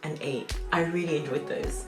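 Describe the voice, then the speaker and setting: A young woman hosting a casual snack-tasting vlog, chatty and giggly, with bursts of quick talk. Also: deep voice, steady tone. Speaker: vlog host. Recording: roomy room, faint background music.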